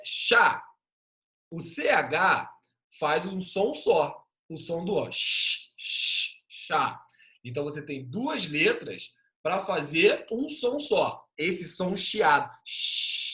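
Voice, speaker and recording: A man's voice: high voice, fairly bright tone. A male teacher giving an online class over a video call, patiently sounding out letters and syllables. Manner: patient, drawn-out spelling of sounds.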